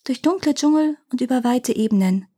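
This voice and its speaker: A woman voicing a proud male parrot king in a storybook reading, talking high and quick. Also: expressive, warm tone. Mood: eager.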